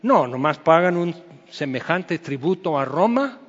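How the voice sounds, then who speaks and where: A man's voice: fairly high pitch, sing-song, measured pace. A man with a Mexican accent, preaching a sermon as pastor in a chatty, storytelling way, full of asides. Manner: chatty, peppers speech with "o sea" and "¿ok?". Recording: dull sound with long hall reverb.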